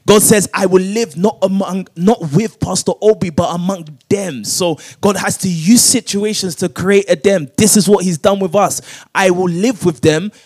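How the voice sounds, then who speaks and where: A man's voice: high voice, fairly even intonation, normal speed, hardly any pauses, darkish tone, husky. A man preaching a sermon, calling for verses to be read aloud and repeating them with rising emphasis. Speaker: pastor. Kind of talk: sermon with call-and-response scripture reading.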